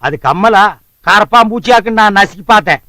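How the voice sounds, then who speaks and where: An actor playing a boastful, broke, drunken husband who trades sarcastic insults in a film comedy scene. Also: male voice, high-pitched, animated, fast, no room sound, heavily acted, poor audio. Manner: sarcastic, mocking, loud insults. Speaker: comic actor.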